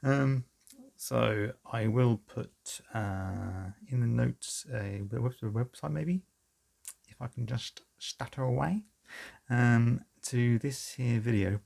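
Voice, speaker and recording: A man's voice: medium pitch, slow pace, creaky, a little mellow. A middle-aged man, rambling in a casual, self-deprecating way through a home guitar vlog from a small cluttered room. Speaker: guitar hobbyist vlogger.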